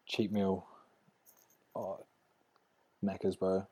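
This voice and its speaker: As a laid-back interview guest, a young rugby player with a broad Kiwi accent talks casually in slang. He speaks very slowly in a low, monotone voice with a darkish, slightly rough tone.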